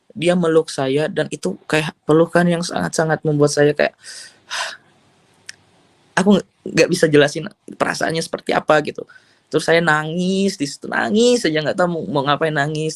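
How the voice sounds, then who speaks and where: A young man speaks in a fairly high voice, recorded dry with no room sound. He tells his personal faith testimony to an interviewer in a loose, casual way. His manner is earnest, with English phrases slipped in. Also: no echo. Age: young adult. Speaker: interview guest giving testimony.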